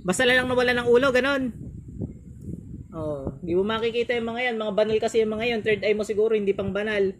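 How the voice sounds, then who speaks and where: A man working as a faith healer, who chants ritual prayers slowly and scolds in a stern, commanding way. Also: high-pitched, a little hiss or hum. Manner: chanting in slow, drawn-out formulas. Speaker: faith healer performing an exorcism.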